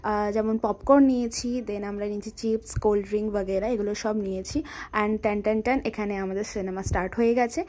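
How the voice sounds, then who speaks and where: Chatty young woman vlogger, mellow voice. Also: mid-range voice, fairly even intonation, a little fast. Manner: chatty, mixes English into speech. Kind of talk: casual vlog chat.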